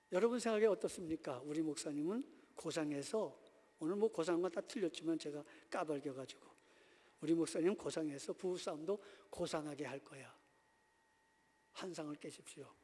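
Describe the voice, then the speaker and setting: A man preaches a Sunday sermon from the pulpit with a notably high voice, his words trailing into a long church-hall reverb. He tells homely stories and acts out small scenes, sinking to quiet, low asides before climbing back to loud, high exhortation. He is from Seoul. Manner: storytelling preacher acting out little scenes. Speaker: pastor. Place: church sanctuary.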